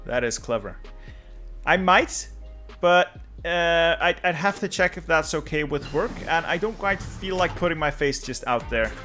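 A young Dutch-speaking game streamer from Flanders, Belgium, plays a strategy game and chats with viewers, muttering to himself in a dry, offhand way. His voice is a little high, bright and forceful, with lively intonation at a measured pace, and faint music plays in the background.

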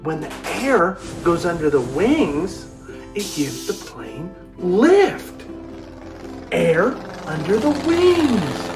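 A woman leads a lesson for young kids in a widely swooping, sing-song voice. She takes her time and repeats each new word. Clear music plays underneath. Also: fairly low pitch, big pitch swings, recorded from a distance. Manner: sing-song, slowly repeats key words. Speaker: children's teacher. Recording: music playing behind the voice.

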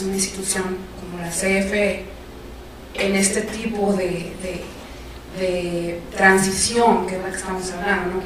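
A woman with a Mexican accent poses an earnest, hesitant question from the audience. Her voice comes from far off in a heavily echoing room with clear background noise. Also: medium pitch. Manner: earnest, hesitant, thinking aloud. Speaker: audience member asking a question. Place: lecture room. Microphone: distant room mic. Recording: echoey room from a distance, noisy.

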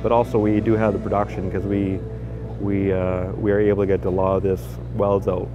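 A man's voice: deep voice, little pitch movement, brisk, dull audio. A man with a Canadian accent gives unscripted commentary in a fabrication shop, explaining a welding process step by step with fillers and restarts. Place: large industrial fabrication shop, indoors. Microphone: handheld or lapel mic. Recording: background music under voice.

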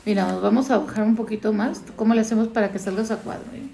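A woman's voice: mid-range voice, fast, creaky, warm tone. A woman, chatting casually to fans on her phone at home, rambling and talking to her dog between news. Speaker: fan news vlogger. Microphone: phone camera. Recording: echoey room, faint noise.

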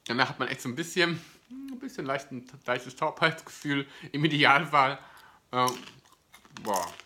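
Man, lively swooping intonation, bright voice, casual gushing review chat, noisy room. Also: mid-range voice, moderate pace. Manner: enthusiastic, gushing. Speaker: food review host. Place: indoor living room, seated on a sofa. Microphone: camera or phone at about arm's length.

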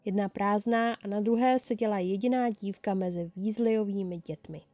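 A woman reading a fan story aloud in the first person, telling it in a lively way. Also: medium pitch, no room sound. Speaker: fan-fiction reader.

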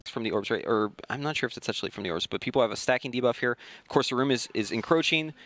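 A man's voice: mid-range voice, racing, a bit bright, soft background music. A man giving live raid commentary as a caster, urgent and hyping each push. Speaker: esports caster.

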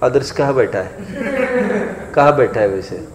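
A man's voice: medium pitch, normal speed. A man giving a sermon-style scripture lecture to a live audience, often stopping to ask rhetorical questions and check that his listeners are following. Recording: echoey hall with long reverb.

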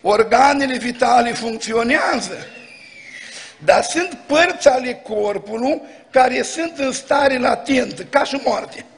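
High-voiced preacher in a reverberant hall. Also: male voice, lively intonation, vocal fry. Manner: preaching with anecdotes and acted quotes. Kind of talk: sermon. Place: church hall. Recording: long church hall reverb.

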